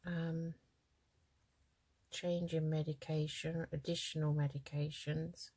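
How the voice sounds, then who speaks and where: A woman's voice: deep voice, flat delivery, takes it slowly, a little mellow, husky. A middle-aged woman hosting a craft channel, talking casually and hesitantly through her project with many ums, tired and yawning. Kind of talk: casual crafting tutorial chat.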